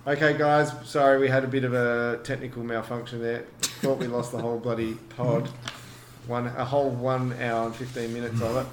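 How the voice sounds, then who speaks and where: A man's voice: medium pitch, flat delivery, a little fast. Man in an echoey room. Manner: jokey, laughs often. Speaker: podcast co-host. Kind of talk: casual chat, quiz questions. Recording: echoey room with faint background hum.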